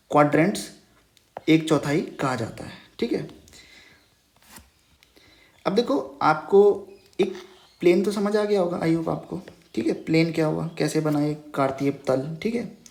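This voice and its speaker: A man's voice: on the high side, vocal fry, darkish tone. A man teaching a math lesson, patiently repeating key terms as questions and checking in with "okay" after nearly every phrase. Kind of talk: Hindi math lesson over a whiteboard. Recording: roomy echo.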